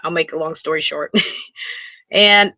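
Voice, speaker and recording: A woman from Wisconsin chatting live with viewers from inside her motor home. She rambles and restarts often and gets excited easily. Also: sits low, a little slow, dry recording, muffled recording. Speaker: live stream host. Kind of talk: casual live chat with viewers. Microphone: computer mic for a video hangout.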